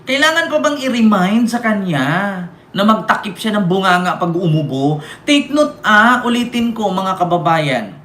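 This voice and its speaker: Pitched high and sing-song, this Filipino male vlogger speaks at a normal pace with a bright, forceful tone. His heated political commentary scolds its target, reads out viewer comments, and keeps throwing rhetorical questions like "di ba?". It was recorded in an echoey room with faint ambience.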